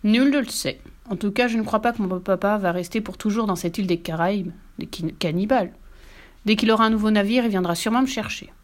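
A woman voicing a lively, boastful little girl who is very strong, in a storybook reading. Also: medium pitch, quick pace, natural voice. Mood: playful. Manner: excited, exclamatory.

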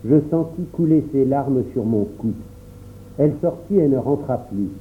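A man narrating a storybook in a calm, measured first-person reading. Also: mid-range voice. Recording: tinny phone-like sound, faint noise.

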